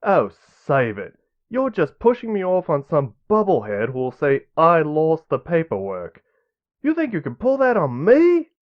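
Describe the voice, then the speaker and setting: A man's voice: a little high, wildly swooping pitch, measured pace, pitched above the performer's own voice. A raging male mercenary liaison bellows insults, his voice soaring and swinging wildly up and down, as a man reads him in an audiobook. The sound is a little dull, like a lo-fi home recording. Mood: furious. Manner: shouting, spitting insults.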